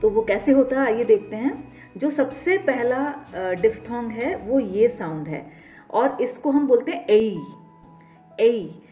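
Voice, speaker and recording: A woman's voice: on the high side, animated, a little slow. A woman with an Indian accent teaching English phonetics, patiently explaining and repeating example words. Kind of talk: explanatory lesson, mixing Hindi and English. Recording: slightly dull lo-fi recording with soft background music.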